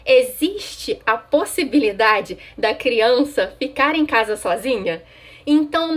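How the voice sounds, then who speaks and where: A woman, a child psychologist giving parents conversational advice and often checking in with "tá?". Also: sits high. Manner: conversational, frequent "tá?" check-ins; answers viewer questions directly.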